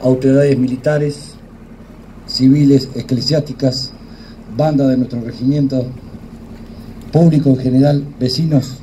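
An older man with an Argentine Spanish accent gives a solemn, emphatic public speech with deliberate pauses, moved by emotion, into a podium microphone outdoors. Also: medium pitch, steady tone, mellow, rough recording. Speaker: war veteran giving a speech. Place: outdoors in a yard before a small gathering. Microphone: microphone on a stand at a podium, PA speakers. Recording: outdoor PA speech with clear background noise.

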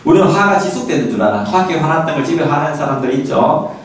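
A man lecturing parents on child discipline, animated, often acting out what parents and children say. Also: on the high side, fast talker. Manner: lively, acts out quoted parents and children; laughing often with the audience. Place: lecture hall. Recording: echoey hall, voice from far off.

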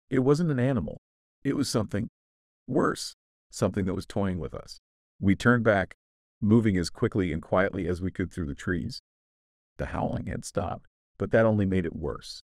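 A man with a very low, deep voice tells a horror story in the first person, grave and full of suspense. The recording is close and completely dry, with no room sound at all. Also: darkish tone, dry recording. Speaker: narrator.

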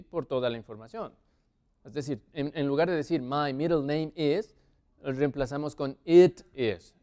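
A man teaching English to Spanish speakers, slowly drawing out each model phrase as he explains at a board. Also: on the high side, a little mellow.

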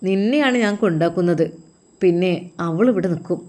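A woman's voice: on the low side, a little fast, dark tone, close to an everyday voice. A woman voicing a domineering husband who talks in a commanding, bossy way, with a Malabar Malayalam accent. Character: domineering cruel husband, adult man.

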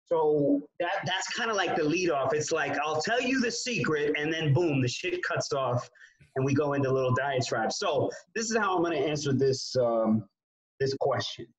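A man's voice: a little high, lively intonation, normal speed, low-quality recording. A man speaking as a guest in a casual chat from his home kitchen, laid-back and profane, often saying "man".

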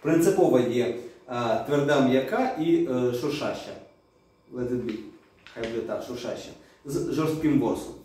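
Mellow-voiced man in an echoey room. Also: mid-range voice, normal speed, slight background noise. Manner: addresses viewers directly, explains step by step. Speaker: drum workshop maker. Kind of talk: product explainer video. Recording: very echoey room, distant mic.

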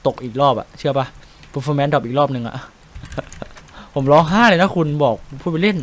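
Chatty, excitable Thai game streamer man. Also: fairly high pitch, normal speed, slight background noise. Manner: chatty, excitable, swears casually, explains tactics. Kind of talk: casual gameplay commentary.

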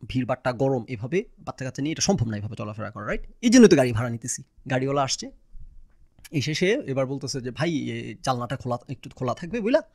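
A man from Bangladesh, hosting a casual monologue and telling personal stories with animated exasperation. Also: mid-range voice, dry recording, studio quality. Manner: animated, exasperated storytelling that mimics his own retorts. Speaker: host.

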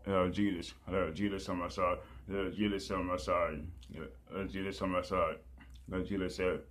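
Male preacher, deep and monotone, halting repetitive prayer style, lots of fillers.

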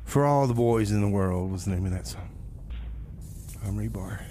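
Here's another community radio DJ, a man announcing tracks and local happenings in a relaxed style peppered with dry, throwaway comments. He speaks at a normal speed in a lowish voice, and there's noise in the background.

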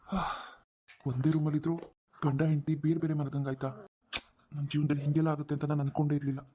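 A man's voice: fairly high pitch, flat delivery, quick pace, dark tone, breathy edge. A man voicing a young cartoon husband who earnestly pleads with his upset wife and mutters his worries to himself. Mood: pleading. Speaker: cartoon character. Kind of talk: animated drama voice acting.

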